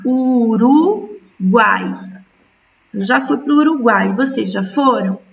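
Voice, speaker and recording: A woman's voice: a little high, vocal fry, recorded from a distance, dull audio, slight background noise. A woman teaching a school lesson, patiently stretching words out syllable by syllable. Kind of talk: recorded remote school lesson.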